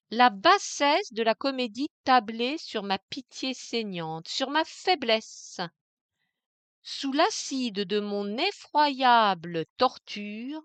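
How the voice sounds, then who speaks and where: A woman reading a novel aloud in the first person, measured and intense. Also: on the high side, dry recording. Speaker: audiobook reader. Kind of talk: literary audiobook narration in the first person.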